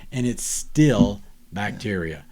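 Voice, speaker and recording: A man's voice: on the low side, animated, slow, a little mellow. An older man speaking as a guest on a podcast, emphatic and preachy, with frequent rhetorical questions. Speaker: guest author.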